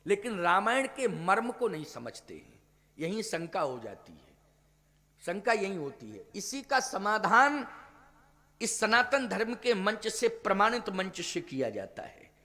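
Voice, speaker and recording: A man giving a devotional sermon, declaiming forcefully and then dropping to low asides, now and then chanting a scripture verse slowly. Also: very animated, long reverb tail. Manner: emphatic, swings from loud declaiming to low asides. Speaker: preacher of a Ram Katha discourse.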